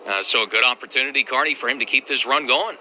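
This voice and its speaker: A man's voice: mid-range voice, quick pace, music in the background. A man anchoring live golf commentary, handing over between holes and summing up the play.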